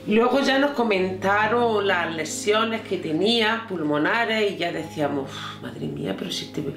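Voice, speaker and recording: Spanish woman, hospital colleague, slow and measured, low voice, echoey room. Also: expressive. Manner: reflective, measured. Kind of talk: documentary interview. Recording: roomy room with faint music.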